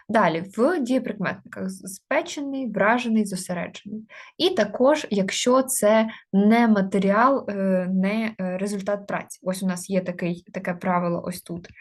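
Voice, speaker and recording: With a medium-pitched voice, a woman teaches grammar online, explaining things step by step. She hesitates often with fillers and slows down to spell out example words.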